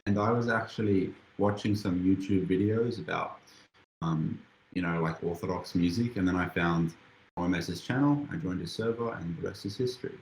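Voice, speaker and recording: Soft-spoken man from Australia, echoey room. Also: low voice, moderate pace, a little hiss or hum. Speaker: podcast guest. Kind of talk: casual chat. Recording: roomy, echoey call audio.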